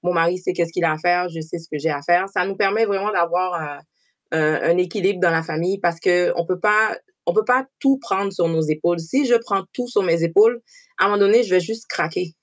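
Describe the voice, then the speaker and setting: A woman's voice: fairly low pitch, brisk. A woman of about forty from Haiti, a guest on a live stream, talking frankly and reflectively about family life, with many fillers. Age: 40s. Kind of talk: casual live-stream chat.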